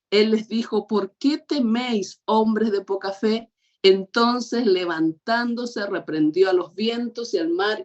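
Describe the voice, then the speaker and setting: A middle-aged woman preaching, telling a personal testimony with emotion, her voice climbing high when she pleads. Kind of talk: sermon. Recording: dull lo-fi recording.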